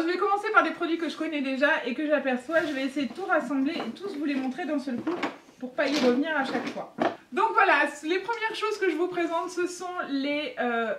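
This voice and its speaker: High-voiced excitable woman unboxing. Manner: chatty and excitable, giggly. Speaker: beauty vlogger. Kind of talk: casual unboxing chat. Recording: echoey room, faint noise.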